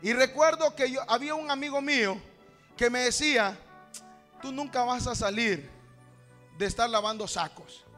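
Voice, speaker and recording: A man's voice: very high-pitched, normal speed, pauses often. A man from Honduras, preaching a folksy storytelling sermon and calling his listeners brother, with music playing underneath. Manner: folksy, keeps addressing the congregation as brother; builds to shouted praise at the end. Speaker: pastor.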